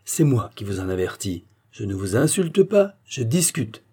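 Man reading as a calm, stubborn village philosopher. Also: on the low side, normal speed, slightly rough. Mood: firm. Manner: calm, almost gentle, arguing point by point. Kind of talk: audiobook reading.

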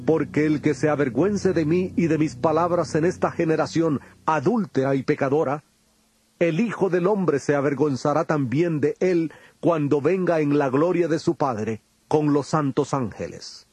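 A man's voice: on the high side, moderate pace, a little mellow, breathy edge, dry recording. A man playing Jesus as an authoritative, emphatic teacher in a solemn dramatized audio Bible. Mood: solemn, exhorting. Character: Jesus, authoritative adult male teacher rebuking and instructing. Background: prominent music.

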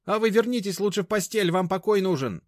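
A man putting on a screeching rude woman, very high voice, loud, dry sound. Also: expressive, quick pace, dry recording. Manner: shrieking, rude, indignant. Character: shrill brash stout woman, middle-aged.

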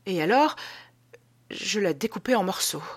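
A mild, troubled gentleman in a spoken storybook, played by a woman reader. He confides softly and gently, close to a plain reading voice. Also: mid-range voice, lively intonation, moderate pace, husky. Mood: confiding. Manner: soft, confiding. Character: gentle, troubled middle-aged man dreamer.

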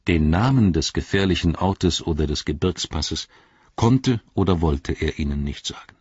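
Low, husky male audiobook narrator. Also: lively intonation, darkish tone, no room sound, muffled recording. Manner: measured storytelling. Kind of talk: scripted narration.

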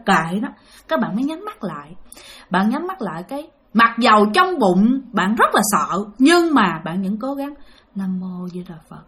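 Woman storyteller, dramatic, fairly high pitch. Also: fairly bright tone. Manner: dramatic, emphatic, addresses listeners. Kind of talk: ghost story narration.

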